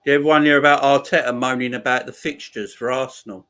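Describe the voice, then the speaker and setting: A man's voice: mid-range voice, steady tone, quick pace, a bit bright, clear, resonant tone. Laid-back man in his forties. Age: 40s. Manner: laid-back banter, laughs often, slangy. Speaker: livestream host. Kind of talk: casual chat reading viewer comments.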